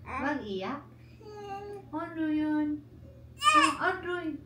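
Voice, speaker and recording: A woman's voice: high voice, extremely slow. A woman in her thirties, a home vlogger, cooing at babies in a sing-song baby-talk voice. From Philippines. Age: 30s. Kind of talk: casual home vlog, talking to babies. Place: family home, indoors. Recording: echoey room, faint noise.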